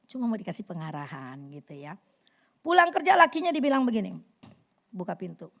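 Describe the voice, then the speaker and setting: A woman's voice: a little fast, vocal fry. A middle-aged woman giving a casual sermon at a women's fellowship, telling anecdotes and acting out voices in them. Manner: lively storytelling, acts out voices with big pitch jumps.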